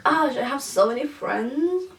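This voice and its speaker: A woman's voice: sits high, animated, a little slow, far from the mic. Chatty young woman, echoey room. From England. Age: 20s. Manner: chatty and rambling, frequent restarts. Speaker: YouTuber. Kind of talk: casual Q&A vlog. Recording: echoey room, voice a bit off-mic, music behind.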